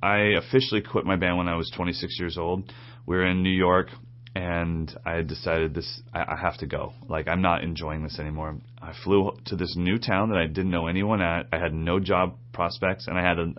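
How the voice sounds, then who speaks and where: A man's voice: sits low, fairly even intonation, a little fast, slight background noise. A man in his forties, a drum teacher, telling his story in a candid, reflective documentary interview, seated in an indoor drum studio. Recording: slightly dull, muffled audio.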